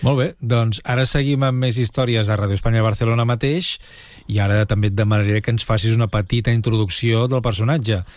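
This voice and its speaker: A man hosting a radio show, talking in a relaxed, conversational way. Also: on the low side, a little fast, no echo. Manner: relaxed, conversational, uses fillers. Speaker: radio host. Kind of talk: casual radio chat.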